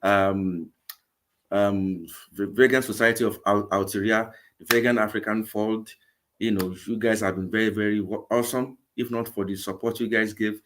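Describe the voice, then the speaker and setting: A man in his forties with a Nigerian English accent, earnest and repetitive as he speaks over a video call. His voice sits fairly low. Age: 40s. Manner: earnest, repeats words often. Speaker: guest, vegan campaign organizer. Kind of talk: live interview.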